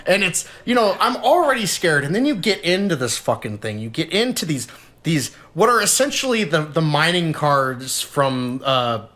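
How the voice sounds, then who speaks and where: Animated young man telling a story. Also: moderate pace. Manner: animated, swearing, jumps into high-pitched shouts when quoting. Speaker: podcast host. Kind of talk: casual storytelling. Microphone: podcast mic, low-quality audio.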